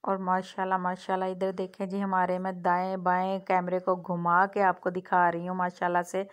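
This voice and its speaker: A woman's voice: lowish voice, monotone, moderate pace. A woman hosting a home cooking vlog, chatting casually as she cooks and often saying "theek hai" and "mashallah". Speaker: cooking channel host. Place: home kitchen.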